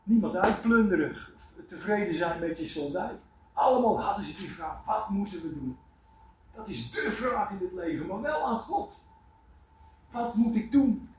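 High-voiced preacher in an echoey hall. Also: male voice, normal speed, a little hiss or hum. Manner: lively, animated storytelling with acted quotes. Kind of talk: sermon. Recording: echoey room, voice from far off.

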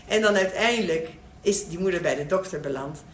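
Animated woman telling stories in an echoey room. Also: on the low side, a little fast, distant mic. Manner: animated storytelling, acting out the people in her stories. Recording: echoey room, speaker away from mic, faint noise.

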